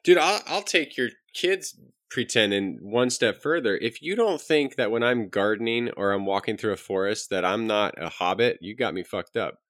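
A man's voice: lowish voice, lively intonation, normal speed, fairly bright tone, no room sound, clean studio sound. A man co-hosting a podcast in casual conversation, blunt and swearing freely. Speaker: podcast co-host.

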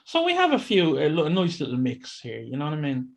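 A man's voice: on the high side, wildly swooping pitch, fast, creaky. A man with an Irish accent hosting a casual chat in an informal, bantering way. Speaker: podcast host. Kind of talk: casual chat, introducing guests.

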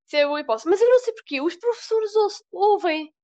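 A teenage girl from Portugal with a European Portuguese accent, chatting casually and telling stories with lively mimicry. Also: very high-pitched, quick pace, lo-fi sound. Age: teens. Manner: animated storytelling, mimics voices in quotes. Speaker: student. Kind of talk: casual chat.

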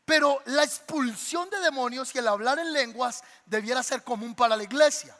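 Male pastor, lively storyteller, bright tone, long church-hall reverb. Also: very high-pitched, normal speed. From Colombia. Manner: animated storytelling, acts out voices. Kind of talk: sermon. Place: church sanctuary.

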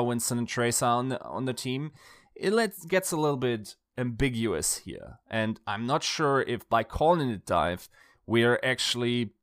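A man's voice: medium pitch, fairly bright tone, no echo, clean studio sound. A man giving an analytical video essay, thinking aloud with rhetorical questions and frequent self-corrections. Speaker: esports analyst.

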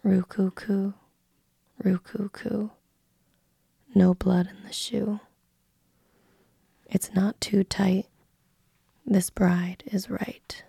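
A woman's voice: medium pitch, little pitch movement, very slow, gravelly, pauses often, dark tone, slightly rough, no echo, studio quality, exaggerated voice. A woman whispering the lines of a flock of doves that chant a sing-song rhyme.

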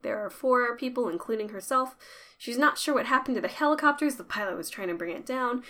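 A woman co-hosting a podcast, casually recapping an episode with wry asides and quick quoted lines. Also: on the high side, lively intonation, sharp tone. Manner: chatty, wry, quotes characters in quick voices. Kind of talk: casual chat and recap narration.

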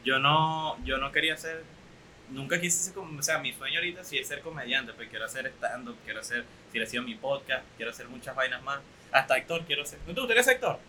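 A man's voice: mid-range voice, expressive, quick pace, pushed and bright, a little hiss or hum, low-quality recording. A young man with a Venezuelan accent hosting a casual podcast interview, chatty and teasing. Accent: Venezuelan Spanish. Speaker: podcast host.

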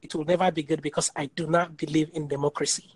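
A man's voice: a little high, flat delivery, quick pace, slightly rough, no echo. A man from Nigeria hosting a casual call-in discussion, stating his views bluntly and repeating his points. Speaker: podcast host. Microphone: phone or video call.

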